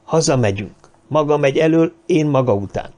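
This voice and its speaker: A man's voice: fairly high pitch, expressive, a little mellow, voice pushed up, lightly acted. A man voicing a fierce, determined woman professor who gives orders and threatens with a gun in an audiobook. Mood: threatening. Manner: commanding, threatening.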